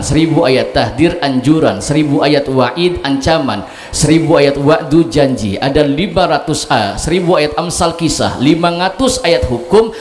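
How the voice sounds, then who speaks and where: Joking preacher, echoey hall. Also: male voice, fairly high pitch. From Cirebon, Indonesia. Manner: joking, banters with the audience. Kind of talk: religious sermon at a gathering. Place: evening religious gathering. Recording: echoey hall with faint ambient noise.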